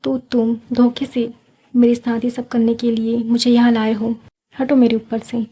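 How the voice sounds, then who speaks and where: An innocent young woman, scared but defiant as she guards her locket, as a woman reads her part. The tone is husky and breathy, and it stays flat and fairly high. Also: measured pace. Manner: pleading, defiant.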